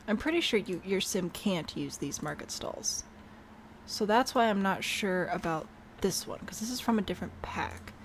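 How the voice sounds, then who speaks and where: A woman's voice: mid-range voice, creaky, slight background noise. A woman chatting casually to herself while she builds in a video game, bubbly and prone to trailing off mid-thought. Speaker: game streamer.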